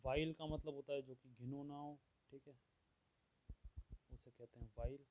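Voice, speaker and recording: A man teaching vocabulary, explaining words and listing their opposites at a steady pace, often checking in with "theek hai". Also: mid-range voice, lo-fi sound. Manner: slow and measured, repeats "theek hai" often. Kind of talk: explaining word meanings.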